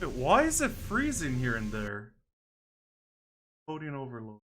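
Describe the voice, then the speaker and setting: A man's voice: mid-range voice, wildly swooping pitch, measured pace, slight background noise. A man casually commentating on a game livestream, thinking aloud and muttering to himself in short phrases. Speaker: game streamer.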